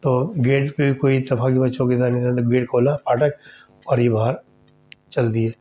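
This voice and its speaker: A man's voice: mid-range voice, little pitch movement, faint music behind. A male host telling a horror story in a chatty, conversational way. He speaks straight to his listeners as he narrates. The recording is somewhat dull and lo-fi. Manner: conversational, addresses listeners directly.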